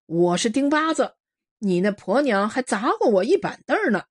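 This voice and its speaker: Woman doing a mocking brutal militia boss, loud and sneery, kinda breathy, jumpy pitch. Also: big pitch swings, normal speed. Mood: sneering. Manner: sneering, cold-blooded. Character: ruthless mocking male militia commander.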